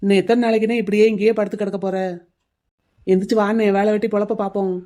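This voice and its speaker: A man voicing a younger helper in an animated drama, coaxing someone in a hurried way. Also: high voice, close to an everyday voice.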